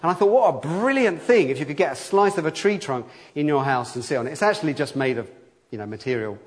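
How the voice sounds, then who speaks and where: A man, somewhat high-voiced, talks gently with the children during a church service. He reads scripture and asks questions in an easy, conversational way. His voice rings with the long reverb of a church hall. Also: lively intonation, quick pace. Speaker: preacher.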